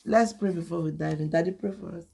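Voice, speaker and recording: Talking fast in a lowish, gravelly voice over background noise, a young Nigerian-accented woman co-hosts a food vlog. She teases and scolds her husband in casual, Pidgin-mixed chat.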